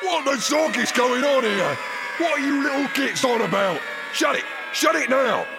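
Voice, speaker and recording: An actor playing a brash, blunt orc warrior in an audio drama. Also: male voice, extremely high pitch, animated, moderate pace, very noisy. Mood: indignant.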